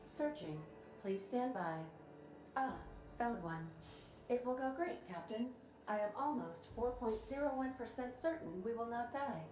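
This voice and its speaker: A woman playing a witty, loyal ship's artificial intelligence in a video game, speaking in a formal, precise, deadpan way. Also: fairly high pitch, measured pace, roomy sound. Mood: deadpan humor. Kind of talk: scripted video game acting.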